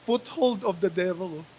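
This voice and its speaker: A Filipino man preaching a church sermon, mixing Tagalog and English, animated, often asking "di ba?" and swinging between loud exclamations and soft asides. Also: sits high, slow pace, slightly rough. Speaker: pastor. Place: church sanctuary.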